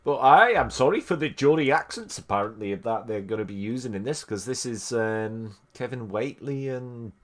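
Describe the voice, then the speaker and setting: A man with a Manchester accent, hosting a casual live stream and reacting to old tapes with laughter, swearing and quick asides to his chat. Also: medium pitch, expressive. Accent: Mancunian. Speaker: streamer host.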